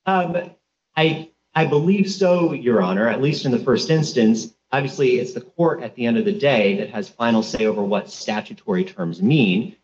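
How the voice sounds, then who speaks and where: A man's voice: mid-range voice, darkish tone. Guy lawyer doing oral argument in court, careful and formal, kinda dull lo-fi audio. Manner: precise, formal, cites sources slowly. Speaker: agency lawyer arguing in court.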